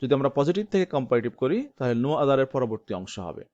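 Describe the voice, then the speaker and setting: Man teaching grammar, lively pitch. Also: no room sound. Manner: slow, stressed reading of word forms. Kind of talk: recorded classroom lesson. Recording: dull, lo-fi, dry.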